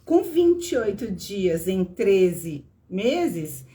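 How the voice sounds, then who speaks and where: Slow, patient Brazilian woman teaching. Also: medium pitch, very animated, warm tone. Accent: Brazilian Portuguese. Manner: patient explaining, tags lines with "né?"; greets viewers by name. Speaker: tarot reader and teacher. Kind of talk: live-stream teaching talk.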